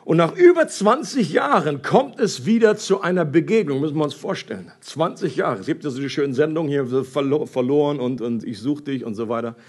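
Husky man reading and preaching. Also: a little high, brisk, few pauses. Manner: conversational, animated asides with hesitations. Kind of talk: Bible reading and sermon commentary.

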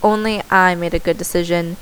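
A woman's voice: on the low side, steady tone, a little fast, clear, resonant tone, lightly acted, low-quality recording. A woman reading the lines of a smug, greedy younger farm son in a storybook, in a gloating manner.

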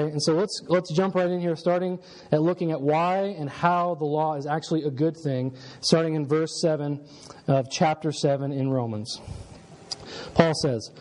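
A man's voice: on the high side, a little mellow. A man in his late twenties giving a casual sermon, opening with a self-deprecating childhood story before turning to scripture. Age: 20s.

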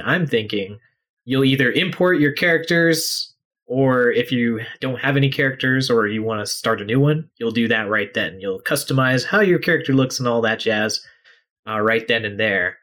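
A man's voice: medium pitch, a bit bright. A man co-hosting a casual gaming podcast in an easygoing way, often laughing along. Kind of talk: casual chat.

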